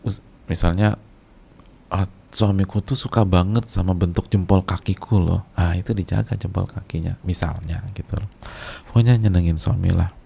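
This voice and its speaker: A man's voice: low-pitched, fairly even intonation, moderate pace, vocal fry, dark tone, slightly rough. A male preacher giving a casual religious lecture, talking conversationally, repeating key phrases for emphasis and sometimes chanting short religious verses.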